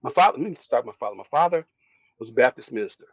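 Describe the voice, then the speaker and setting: An older man from Detroit, a guest who reflects on his upbringing in an unhurried, storytelling way, with frequent chuckles. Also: mid-range voice, animated, no room sound, muffled recording. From Detroit, USA. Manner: reflective storyteller, chuckles often, restarts phrases. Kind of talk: relaxed career interview.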